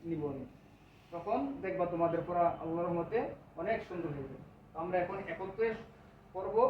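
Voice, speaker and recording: Man teaching a class, echoey and distant. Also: high voice. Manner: asks the class constant questions, repeats key words. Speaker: teacher of Quran recitation. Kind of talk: classroom lesson to children. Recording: echoey room, distant mic, dull, noisy.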